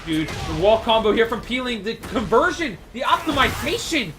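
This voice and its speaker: A man giving live color commentary on a fighting game match, energetic and stammering when excited. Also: very high voice, normal speed, noisy background. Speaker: esports co-commentator.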